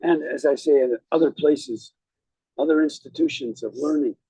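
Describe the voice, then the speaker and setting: A man speaking as a rabbi at a graveside, giving a eulogy in a measured, reflective way with deliberate pauses. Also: fairly high pitch, mellow, slightly rough, dry recording, rough recording. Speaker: rabbi officiating at a funeral.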